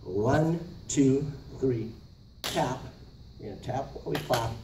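Calling out counted steps and brief directions, a middle-aged man leads a dance lesson demonstration in his slow, mid-range voice. A camera on the far side of a big carpeted multipurpose room records him, giving a roomy, faintly noisy sound.

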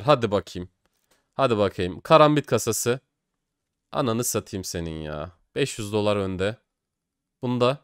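A young man giving excitable gaming commentary as he opens online cases, swinging between cheering and despair. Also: medium pitch, clear, resonant tone. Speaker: case-opening streamer.

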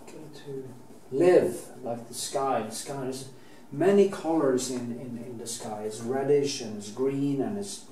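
A middle-aged Norwegian painting teacher, speaking with a Norwegian accent, talks while painting during a demonstration in an indoor studio. His mid-range voice is warm, at a measured pace with hardly any pauses; he rambles, restarts sentences, and swears casually now and then. A distant camera mic gives a roomy sound with faint background hiss.

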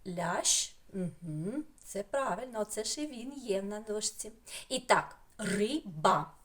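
A woman's voice: medium pitch, lively intonation, a bit bright. A middle-aged woman teaching an online lesson to young children, asking riddles, praising answers and stretching out sounds and syllables. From Ukraine. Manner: slow, sing-song, stretches out sounds and syllables. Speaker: preschool teacher.

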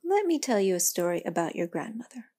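A woman voicing a wise old elm tree who speaks calmly and reassuringly. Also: mid-range voice, fairly quick, creaky. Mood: gentle. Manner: calm, gentle, reassuring.

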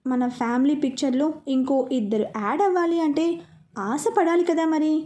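A woman's voice: sits high, animated, a little fast, warm tone. A woman reading the part of a playful young man who teases the woman he loves in a romantic storybook narration. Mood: teasing. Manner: teasing, playful. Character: young man Prashanth, playful teasing lover.

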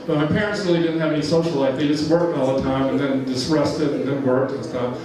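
In a big church hall, a Georgia man in his seventies rambles through a casual talk with slides, full of fillers and chuckling often. He speaks a little fast in a mid-range voice with fairly even intonation. Crowd noise is present, and the distant mic captures the hall's echo.

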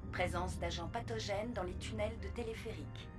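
A woman voicing a polite station virtual intelligence that speaks as a computer, giving measured, formal status reports. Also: mid-range voice. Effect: computer voice of a station assistant. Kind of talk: video game dialogue. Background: game music.

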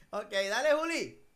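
Running an online English class for children, a teacher moves between Spanish and English, patiently and encouragingly coaxing each child by name. The voice is medium-pitched and a bit bright, with a slight hiss or hum in the audio.

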